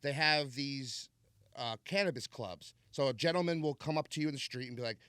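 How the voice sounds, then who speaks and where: A man's voice: medium pitch, fairly quick, fairly bright tone, smooth, no room sound. Laid-back New man telling a story. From New York. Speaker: podcast guest. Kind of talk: casual storytelling anecdote.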